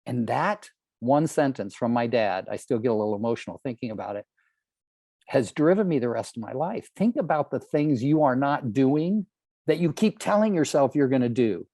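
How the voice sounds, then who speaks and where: This is a man in his sixties from California, delivering a motivational training talk in an earnest, emphatic way. He keeps checking in with his listeners through rhetorical questions. His voice sits at an ordinary pitch in a dry recording with no room echo. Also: animated, moderate pace, warm tone. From California, United States. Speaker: real estate trainer.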